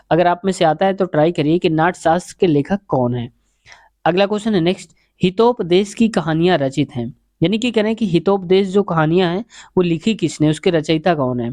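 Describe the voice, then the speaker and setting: A man's voice: fairly high pitch, darkish tone, no room sound. Chatty man teaching exam questions. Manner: chatty, repeats answers, addresses viewers as friends. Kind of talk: casual explanatory lesson.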